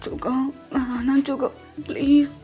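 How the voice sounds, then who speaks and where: A man's voice: very high-pitched, little pitch movement, slow pace, dark tone. A woman voicing a flustered young man who whines and protests, with faint music underneath. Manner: whiny, protesting.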